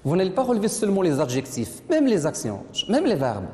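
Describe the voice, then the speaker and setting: Low-voiced woman teaching a class. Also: huge pitch swings, brisk, darkish tone. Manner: patient, repeats pupils' answers. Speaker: French teacher. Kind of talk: classroom lesson. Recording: echoey classroom, noisy, from a distance.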